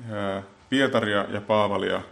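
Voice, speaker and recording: A man giving an unscripted Bible talk, speaking haltingly and filling pauses with many small filler words and restarts. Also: on the low side, fairly even intonation, vocal fry, fairly bright tone. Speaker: Bible teacher.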